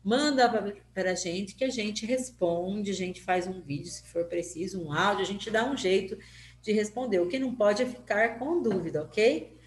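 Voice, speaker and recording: A woman's voice: mid-range voice, moderate pace, roomy sound, a little hiss or hum. A woman teacher from Brazil with a Brazilian Portuguese accent, patiently explaining grammar in a recorded lesson and asking rhetorical questions.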